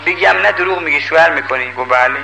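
An older man preaching a sermon in a lively, emphatic way, pleading with and scolding his listeners. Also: on the high side, vocal fry, slight background noise, low-quality recording.

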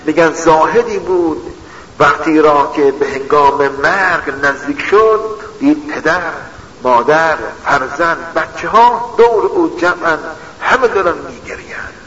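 A man preaching a sermon with a slightly high, bright and forceful voice. He speaks in a measured way and keeps returning to a refrain. The sound is dull and lo-fi, with long reverb from a hall. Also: slight background noise. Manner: measured, repeating a refrain for emphasis. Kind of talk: religious sermon.

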